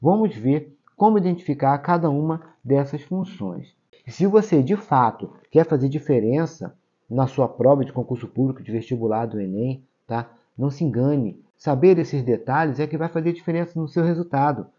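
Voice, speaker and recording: A man's voice: mid-range voice, normal speed, dark tone, slightly rough. A man, teaching a grammar lesson for exam prep, explaining step by step and checking in with tag questions. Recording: dull lo-fi sound.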